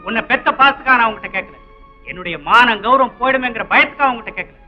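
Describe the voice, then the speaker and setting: A man's voice: very high-pitched, fast talker. An actor playing a stern middle-aged policeman father in a 1960s film melodrama, severe and commanding, on a dull old soundtrack with faint music. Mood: stern, angry. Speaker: police constable.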